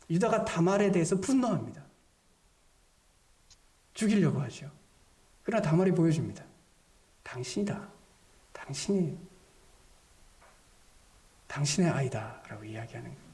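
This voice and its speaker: A man delivers a sermon in a high-pitched, animated voice that swings widely. He voices imagined conversations with himself and at times falls to hushed, whispered asides. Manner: animated, drops to near-whispers when quoting inner dialogue; acts out imagined self-talk and God's gentle questions. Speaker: pastor.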